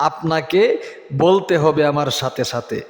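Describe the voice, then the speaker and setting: A man teaching a prayer as a repeat-after-me drill, urging listeners and then chanting each phrase slowly. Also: a little high. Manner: urgent exhortation, then slow drawn-out chanted syllables. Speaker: religious teacher. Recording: echoey room with long reverb.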